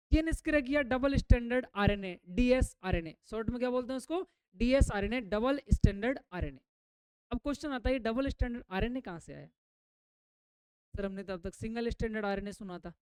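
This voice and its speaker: Smooth-voiced woman teacher quizzing her class. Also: fairly high pitch, darkish tone, dry recording. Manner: quizzes the class, then repeats the answer; mixes English terms into explanations. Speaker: biology teacher. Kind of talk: classroom lecture.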